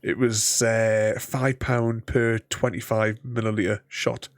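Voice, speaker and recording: A man giving casual game commentary and reading dialogue aloud in a halting, hesitant way. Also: lowish voice, little pitch movement. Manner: chuckles often. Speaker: game streamer.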